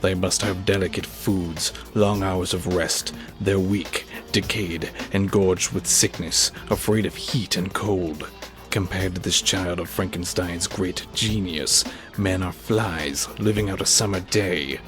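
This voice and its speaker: Over music, a man speaks slowly in a low, steady voice, performing the role of an arrogant, obsessed scientist who makes a monster. The amateur audio drama is theatrical and grandiose, and his mood is exultant.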